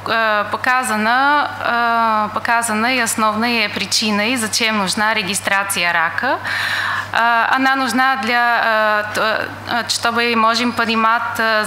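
A woman's voice: fairly high pitch, bright, forceful tone. A middle-aged woman who is not a native speaker lectures over slides with a foreign accent and frequent hesitations. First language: not a native Russian speaker. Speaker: conference lecturer. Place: indoor lecture room. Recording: echoey room with faint hiss.

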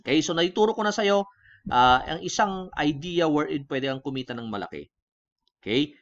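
A man with a Filipino accent hosts a relaxed screen-recorded tutorial. He mixes Tagalog and English and keeps checking in with the viewer. His voice sits a little high, and the recording sounds dull and lo-fi. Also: moderate pace. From Philippines. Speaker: online tutorial host.

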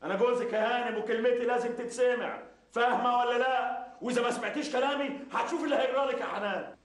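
A man's voice: very high-pitched, steady tone. An actor playing a domineering, mocking husband who bullies his wife, in an Egyptian accent. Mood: angry. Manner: rapid-fire, bullying, mocking. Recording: echoey room, faint hiss.

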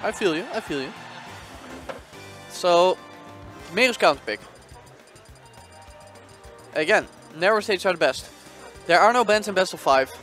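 A man commentates a fighting-game tournament live, walking through stage picks and tactics in a relaxed, chatty way. His voice sits high, and faint music plays in the background. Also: measured pace, pauses often. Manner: casual, analytical play-by-play with laughs. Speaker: esports commentator.

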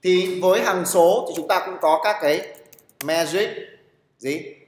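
A man's voice: high voice, unhurried. A man teaching a programming class, blunt and teasing, who keeps checking with his students and calls on them to answer. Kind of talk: classroom lecture. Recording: echoey room with long reverb.

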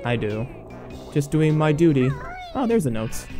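A man's voice: on the high side, very animated, over music. Rambling man narrating his gameplay. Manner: rambling, halting with many fillers and restarts. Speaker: let's play host. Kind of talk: casual gameplay commentary.

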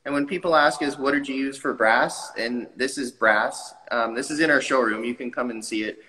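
Man in his 30s, tile business owner, eager and animated, bright forceful tone, reverberant webcam sound. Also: medium pitch, moderate pace. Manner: enthusiastic, animated hand gestures. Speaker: tile company owner, guest. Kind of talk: casual interview talk. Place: tile showroom, indoors. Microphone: video call webcam.

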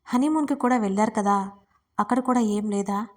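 A woman's voice: mid-range voice, normal speed, darkish tone, natural voice. A woman voicing a chatty, prying young woman who teases her best friend in an audiobook romance. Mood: teasing. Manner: chatty, prying, playfully mischievous. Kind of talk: audiobook character reading.

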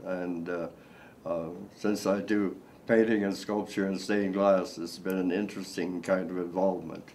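An older man with a somewhat low voice speaks slowly and haltingly, pausing often with ums and uhs. He is an artist from Nebraska giving a seated indoor interview. A faint low rumble sits under the recording. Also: fairly even intonation, darkish tone, rough recording. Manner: slow, halting, with many fillers. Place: indoor room.

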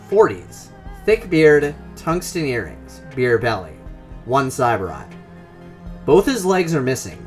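A man hosting a game playthrough, reading the game's descriptive text aloud with casual asides. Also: medium pitch. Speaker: let's play host reading game text.

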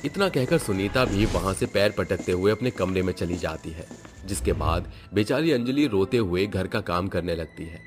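A man narrating an animated family story in a steady storytelling manner. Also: low voice, moderate pace, music in the background.

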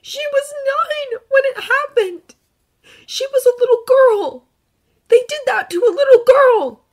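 A woman doing a soft-spoken earnest teenage boy. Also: very high voice, voice pushed up. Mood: grieving. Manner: soft, halting, emotional. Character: earnest teenage boy who sees ghosts. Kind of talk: fan fiction audiobook reading.

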